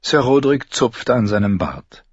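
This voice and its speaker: Brief: low, husky man reading fiction, dry and dull recording. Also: moderate pace, no echo. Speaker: audiobook narrator. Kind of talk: scripted narration.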